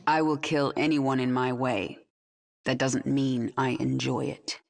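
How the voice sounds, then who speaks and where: A woman's voice: extremely low pitch, steady tone, unhurried, gravelly, heavily acted. An actress playing a cold, commanding female alien swarm queen who speaks in terse orders. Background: game score music.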